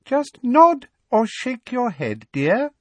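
A man's voice: very high-pitched, big pitch swings, slow, a bit bright, dry recording, pitched above the performer's own voice, exaggerated voice. A man voicing a cruel middle-aged woman official who talks in a falsely sweet, coaxing way. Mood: sugary coaxing.

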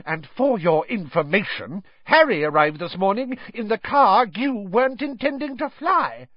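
Man voicing furious scolding mother, pitched high. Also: expressive, normal speed, dry recording, dull audio. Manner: sharp, indignant, shouting. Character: middle-aged wife and mother, furious, scolding.

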